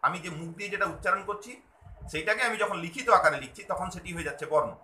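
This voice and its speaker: Man, patient teacher, repeats each point, high pitch, echoey room. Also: rapid-fire, pushed and bright. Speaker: language teacher. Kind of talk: explanatory grammar lesson.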